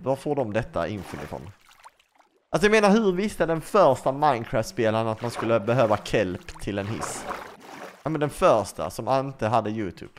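A man talks his way through a game in excitable let's play commentary. He asks one question after another, drops the odd curse, and his mid-pitched voice swings up and down. A faint noise sits under the recording. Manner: excitable, full of questions, swears freely. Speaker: gaming YouTuber.

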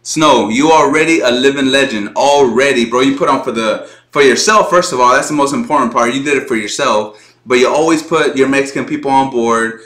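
An excitable man giving casual reaction commentary on a song. His voice is bright and forceful, with a loose, profane way of talking. The sound bounces around an echoey room. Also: mid-range voice, fairly quick. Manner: excitable, profane, laughs often. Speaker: music reaction host.

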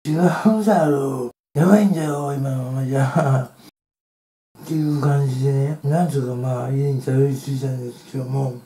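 Male eating-show vlogger, casual storyteller with a dark, relaxed timbre; echoey home room, slight background noise. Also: medium pitch, moderate pace. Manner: chatty, rambling anecdotes.

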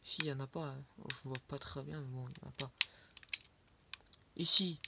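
A man's voice: mid-range voice, fairly even intonation, normal speed, creaky, very noisy. A man narrating his Minecraft game, talking to himself, swearing and sometimes dropping to a whisper. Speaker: gaming YouTuber. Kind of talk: Minecraft let's play commentary. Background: keyboard and mouse clicks.

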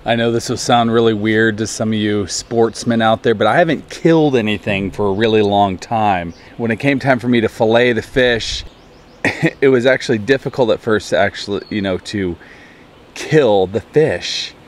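A man in his forties talking to a handheld camera by a lake in a relaxed, chatty way, with soft laughs. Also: fairly low pitch, normal speed. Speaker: family vlogger. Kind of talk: casual vlog talk to camera. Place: outdoors by a lake. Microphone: handheld camera at arm's length.

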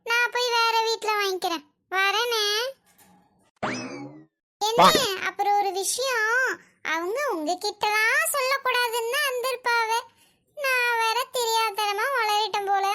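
A woman's voice: extremely high pitch, bright, forceful tone, a little hiss or hum. A woman voicing a scheming, gossipy village neighbor who talks in a sly, dramatic, wheedling way. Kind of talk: cartoon voice acting.

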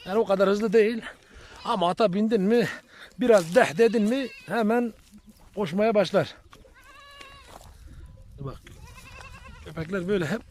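Rural shepherd vlogger, man with a high voice, talks casually to camera from an open field, sheep faintly audible. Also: normal speed, long pauses, slight background noise. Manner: chatty, addresses viewers as friends, calls loudly to animals. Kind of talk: casual outdoor vlog while herding. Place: outdoors in open countryside with sheep and goats. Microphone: handheld phone.

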